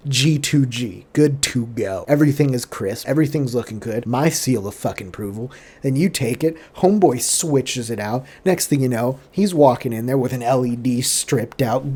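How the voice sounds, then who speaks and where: A man's voice: medium pitch, darkish tone, husky. A man giving comedic reaction commentary as a streamer, riffing with profane mock outrage.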